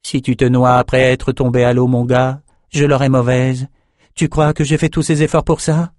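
A man voicing a tough warrior woman who teases her young companion gruffly. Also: medium pitch, little pitch movement, moderate pace, a little mellow, dry recording, studio quality, lightly acted. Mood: teasing.

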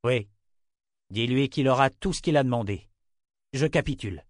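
A man's voice: mid-range voice, normal speed, no echo, studio quality, close to an everyday voice. A man reading an audiobook, voicing a young male hero who speaks in a grave, resolute way.

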